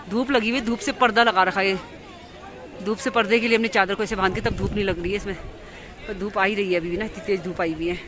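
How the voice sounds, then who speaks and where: Fast-talking Indian woman vlogging outdoors. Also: medium pitch. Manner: chatty, repeats herself, points things out to viewers. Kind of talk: casual vlog narration. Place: outdoors in a busy market street. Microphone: phone camera without external mic. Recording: crowded outdoor street noise. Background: crowd and passing vehicles.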